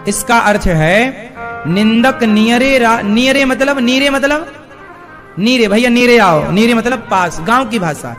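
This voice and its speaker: A male spiritual preacher giving a live devotional discourse, animated, questioning his audience and acting out voices. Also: sits high, unhurried, soft background music.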